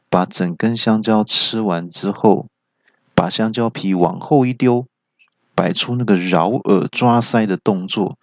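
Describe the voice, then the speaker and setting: A man's voice: on the low side, dry recording, highs cut off. Man telling a comic story. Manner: animated, acts out every character. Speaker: podcast host.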